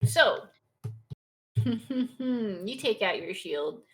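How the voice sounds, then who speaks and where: A woman narrating a tabletop game as game master, in an unhurried, encouraging and playful way. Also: medium pitch, animated.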